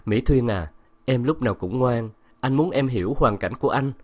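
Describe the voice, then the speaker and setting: A man playing a remorseful husband, soft and earnest. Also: medium pitch, moderate pace, natural voice. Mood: soothing. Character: pleading middle-aged husband, remorseful.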